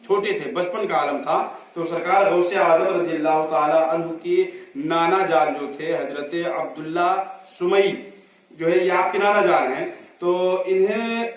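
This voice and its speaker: At a large religious gathering, a man with a high voice preaches a sermon as a story, rising to shouts at the climaxes. He is picked up by a stage microphone from far away, so the sound is very echoey.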